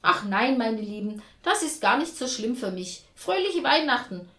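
A woman voicing a cheerful, carefree grandmother on holiday, talking brightly and loudly. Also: fairly high pitch, big pitch swings, normal speed, pitched above the performer's own voice. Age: older. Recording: roomy echo.

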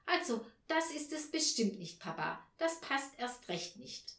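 Storybook schoolgirl, high and eager, bright and insistent, roomy sound, read by a woman. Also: very animated, measured pace, heavily acted.

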